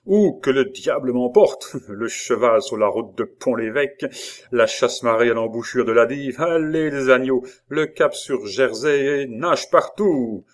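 A man voicing a swaggering convict innkeeper who talks like a salty old sailor, loud and boastful. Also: mid-range voice, lively intonation, measured pace. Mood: gruff boasting.

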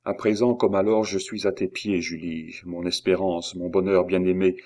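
Deep man doing a devoted young guy, earnest and reassuring, low pitch. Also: little pitch movement, normal speed, a little mellow, close to an everyday voice. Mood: tender. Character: earnest young engraver, devoted loving husband.

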